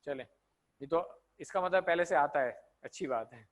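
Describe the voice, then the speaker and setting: A man teaching an online grammar class, patiently repeating conjugations with translations and checking in with his students. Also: on the high side.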